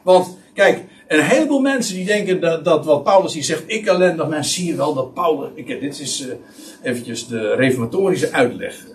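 A man's voice: a little high, moderate pace. A man preaching a Bible-teaching sermon, emphatic and full of restarts. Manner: animated, emphatic, many restarts. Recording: voice somewhat far from mic.

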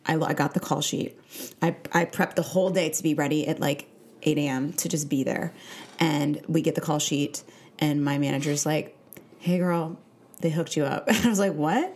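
Animated low-voiced woman telling stories. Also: moderate pace. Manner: animated, joking storyteller. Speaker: podcast co-host. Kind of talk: casual chat.

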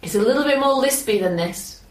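A woman's voice: a little high, expressive, brisk, roomy sound, far from the mic, a little hiss or hum. A young woman who is a guest on a podcast, answering briefly and with some hesitation in a casual film chat.

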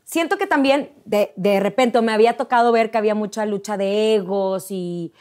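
A woman's voice: mid-range voice, moderate pace. A woman, telling stories as a guest in a casual chat. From Monterrey, Mexico. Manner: chatty storyteller, animated.

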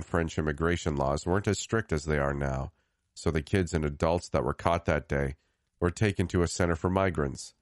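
A man reading a scripted first-person horror story in a grave, measured way, lifting the start of each new phrase. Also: sits low, no echo, studio quality. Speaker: storyteller narrator.

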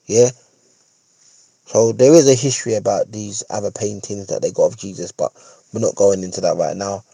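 Speaking in London roadman slang and accent, a male podcast host delivers a laid-back but opinionated monologue, hammering points through repetition and tag questions that seek agreement. His low, steady voice is warm and slightly rough with vocal fry, at a moderate pace. The recording is dry and low quality.

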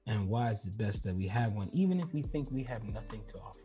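A man hosting a talk show, chatting casually and telling stories with a lively, rising voice. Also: fast talker, music in the background. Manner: animated storyteller, voice rising high when laughing. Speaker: podcast host. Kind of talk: casual interview chat.

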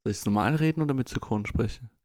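Junger Mann mit österreichischem Akzent, trocken. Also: male voice, mid-range voice, fast talker, dry recording, studio quality. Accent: Austrian. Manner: playful, teasing, deadpan. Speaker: podcast co-host. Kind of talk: casual chat.

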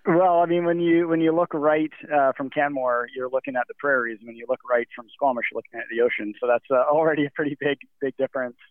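The guest, a Nigerian man on a remote call, talks fast with few pauses in a steady, medium-pitched voice. He rambles casually with lots of fillers and restarts, heard without echo through a tinny, phone-like connection.

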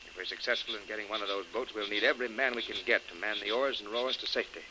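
A man's voice: lowish voice, fairly even intonation, very fast, background noise, natural voice. An actor playing a brave male adventurer leading an escape in a 1930s radio drama. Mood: urgent.

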